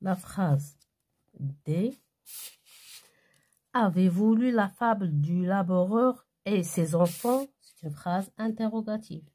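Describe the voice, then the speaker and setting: A woman giving a primary school grammar lesson, reading exercises aloud and answering them one by one in a deliberate way. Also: mid-range voice, mellow.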